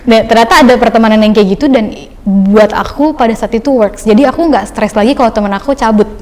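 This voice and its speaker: A woman's voice: fairly high pitch, fast talker, darkish tone, long reverb tail. A young woman guest speaking in a chatty, loose storytelling way with many fillers, giving a casual personal testimony on a podcast.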